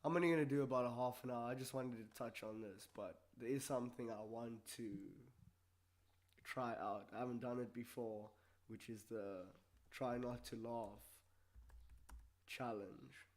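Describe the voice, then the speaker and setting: Low-key man hosting a casual vlog. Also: steady tone, moderate pace. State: a bit sick. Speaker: video show host. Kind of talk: casual solo vlog talk and reactions.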